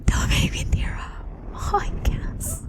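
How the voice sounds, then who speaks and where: Whispering young woman streamer. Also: slow. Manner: whispering, slangy, repeats words softly. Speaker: ASMR streamer. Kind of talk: whispered ASMR livestream chat.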